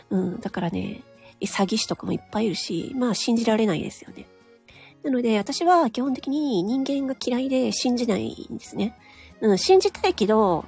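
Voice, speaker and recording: Her voice sits on the high side, a little mellow and husky. Running her own audio channel, she delivers a casual, candid monologue, chatting away with lots of little nodding asides and tag particles.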